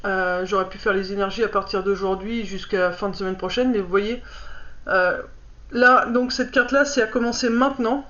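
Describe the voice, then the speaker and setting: A woman's voice: mid-range voice, fairly even intonation, moderate pace, a bit bright. A woman giving a casual oracle card reading to the camera, hesitant and stumbling with many fillers as she reads. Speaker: card reader. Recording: dull lo-fi recording.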